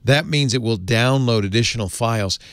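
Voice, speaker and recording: A man's voice: medium pitch, moderate pace, no echo. A man hosting a casual tech tutorial, chatty and easygoing, chuckling as he explains. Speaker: host.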